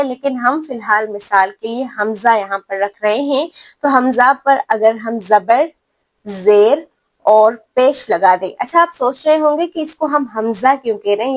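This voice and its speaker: A woman with a Pakistani accent teaching a step-by-step tajweed lesson, patiently demonstrating sounds slowly and repeatedly and checking in with the listener often. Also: on the high side. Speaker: Quran recitation teacher.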